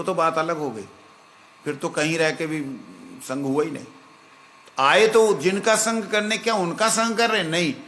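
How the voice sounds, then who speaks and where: A man giving a slow, reflective devotional talk as a spiritual teacher, now and then breaking into chanted verses. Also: a little high, pushed and bright, a little hiss or hum. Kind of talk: devotional discourse.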